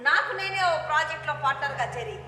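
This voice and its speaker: A woman's voice: high voice, animated, racing, sharp tone. A woman playing a scheming, status-hungry young wife. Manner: defiant, wheedling, laughs while arguing. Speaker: stage actor. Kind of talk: stage drama acting. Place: stage in a hall. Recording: echoey hall recording with music.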